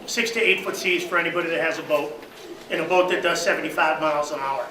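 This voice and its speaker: A man on the high side speaks quickly at a memorial, sharing remembrance stories packed with fillers and getting loud when he reaches the boat tales. The distant hall recording sounds roomy, with noise in the background.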